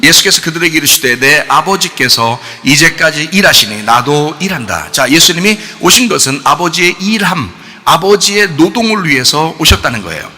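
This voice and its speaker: A man pastor preaches a lively sermon in a church sanctuary, his voice ranging widely as he acts out quoted lines. The tone is bright and gravelly with some huskiness. A long reverb hangs in the hall around him. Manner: animated, asks the congregation questions; acts out quoted voices with big swings in pitch and loudness.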